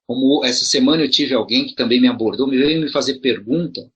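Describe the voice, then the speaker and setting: A man's voice: medium pitch, fairly quick, fairly bright tone, a little hiss or hum. A middle-aged man from Brazil explaining things to his audience in a casual monologue, asking rhetorical questions and restarting his sentences. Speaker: video commentator addressing promoters.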